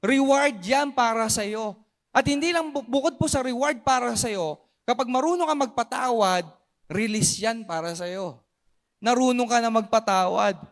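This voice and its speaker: A young Filipino man preaching a lively sermon as pastor in a church service, mixing in English phrases and calling out to the congregation. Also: extremely high pitch, normal speed. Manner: animated, mixes English phrases, asks the congregation "di ba?" and "Amen?".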